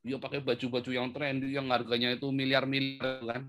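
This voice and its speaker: A man's voice: mid-range voice, little pitch movement, brisk, a bit bright. A man in a casual live video call discussion, chatty and laughing often, adding a polite "sir" to most phrases. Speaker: host answering a guest in a live video discussion. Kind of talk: casual chat.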